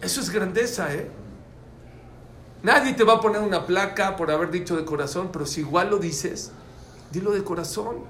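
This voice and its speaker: In an echoey room with faint background noise, a man with a high, fairly bright voice teaches religion to students at a moderate pace. He speaks emphatically, repeats key phrases and poses questions to the class.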